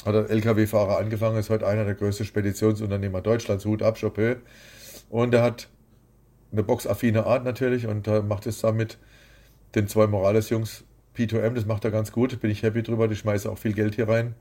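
A man's voice: fairly low pitch, dark tone. A man who is a boxing promoter, talking bluntly and rambling as the guest in an interview. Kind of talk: casual interview.

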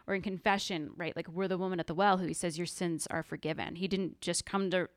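A woman's voice: fairly low pitch, steady tone, quick pace, dry recording, studio quality. A woman co-hosting a casual faith podcast, talking earnestly with lots of "like" fillers. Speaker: podcast co-host.

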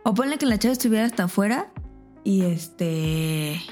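Mexican-accented woman co-host, lively anecdote teller, mid-range voice. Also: medium pitch, normal speed, faint music behind. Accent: Mexican Spanish. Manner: animated, acts out voices in her anecdote. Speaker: podcast co-host. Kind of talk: casual storytelling chat.

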